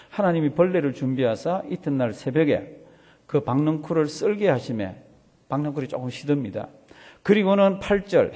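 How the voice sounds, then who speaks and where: A male pastor preaches with a lively, swooping delivery and a somewhat high voice. His tone is husky and mellow. Long reverb from the hall trails behind each phrase. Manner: animated storytelling with vivid sound words. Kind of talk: sermon.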